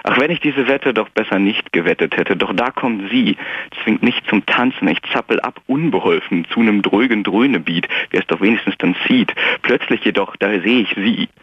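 Brief: male radio caller, poetry recital, dry husky voice, muffled phone sound. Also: lowish voice, moderate pace, no echo. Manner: hesitant with fillers in talk, rhythmic in verse. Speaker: caller reciting his poems. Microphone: telephone. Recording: dull phone-line sound.

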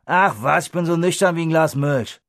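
A man's voice: on the high side, moderate pace, a bit bright, no echo, studio quality. A man voicing a boisterous, mocking drunkard in an audiobook reading, with a brash, raised voice.

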